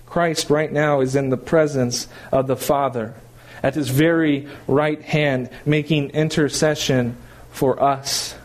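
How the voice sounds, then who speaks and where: A middle-aged man preaching a sermon, emphatic and animated, with rhetorical questions and small restarts. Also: medium pitch, slow pace. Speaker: pastor.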